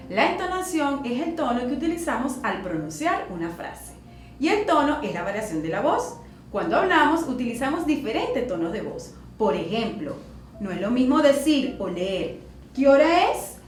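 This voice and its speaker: A fairly high female voice explains intonation to children, swinging her pitch to show each example. She sounds like she is in an echoey room. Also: big pitch swings, moderate pace. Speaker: teacher. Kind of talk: clear explanatory teaching with demonstrated intonation.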